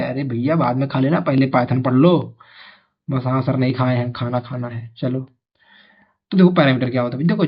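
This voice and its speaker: Chatty male tutor, slightly high voice. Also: husky. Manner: chatty, repeats questions to students; calls viewers brother. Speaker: teacher. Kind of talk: exam coaching lesson. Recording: dull lo-fi sound.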